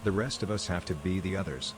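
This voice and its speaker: A man telling jokes in a deadpan, measured way, delivering setups and punchlines as a comedian. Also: low voice, noisy background. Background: music.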